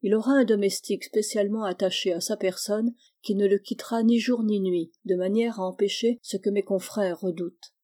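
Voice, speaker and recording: A woman reading the part of a composed male doctor who explains things in a measured, reassuring way. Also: medium pitch, steady tone, mellow, natural voice.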